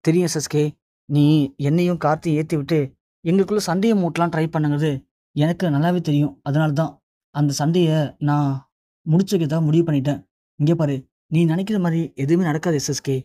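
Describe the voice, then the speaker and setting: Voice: mid-range voice, fairly even intonation, dark tone, natural voice. A narrator reading the lines of a firm, resolute young man in a retold TV serial. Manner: firm, measured.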